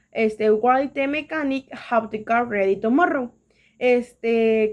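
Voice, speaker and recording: A young woman explains English grammar to a class. She hesitates often and slows down to read out her example sentences. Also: on the high side, a little mellow.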